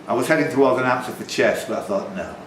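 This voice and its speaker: Reading questions at a tavern quiz, this man moves at a quick pace with lively intonation in a mid-range voice. He keeps things chatty with teasing, jokey asides. The live venue recording is roomy and slightly noisy.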